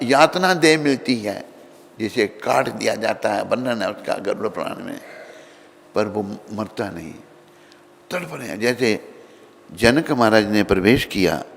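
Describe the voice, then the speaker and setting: Male swami, animated devotional storyteller, gravelly, long hall reverb. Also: on the low side, slight background noise. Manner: animated, acts out characters' voices. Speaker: swami preacher. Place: temple hall.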